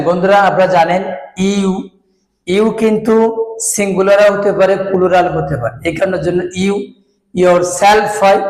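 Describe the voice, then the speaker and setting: A man teaching English pronunciation in a slow lesson, repeating each word several times and calling his viewers friends. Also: high voice. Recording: echoey room.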